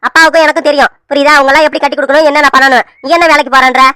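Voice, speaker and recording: A woman's voice: high voice, fairly even intonation, racing, sharp tone, no echo, clean studio sound. A woman voicing a stern, protective eldest brother who scolds his sisters in a cartoon serial. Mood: scolding. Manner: scolding, bossy, repeats himself. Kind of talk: Tamil cartoon serial voice acting.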